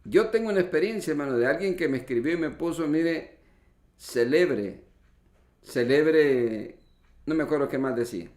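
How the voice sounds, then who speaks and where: A man's voice: a little high, lively intonation, fast, darkish tone. A man preaching a sermon who explains the meaning of words step by step and often calls his listeners brothers. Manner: teacherly, explains word meanings and spelling rules. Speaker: pastor. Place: church hall. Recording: echoey church livestream.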